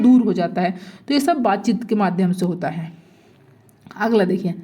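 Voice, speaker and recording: A woman's voice: fairly high pitch, dark tone. Woman teacher asking and answering her own questions. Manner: asks rhetorical questions and answers them, repeating points. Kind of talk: exam-prep lecture.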